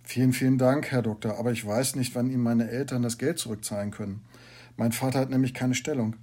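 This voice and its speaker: A man voicing a shy, sad schoolboy who answers politely and hesitantly, with a husky voice. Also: medium pitch, steady tone, quick pace, darkish tone, lightly acted. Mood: timid.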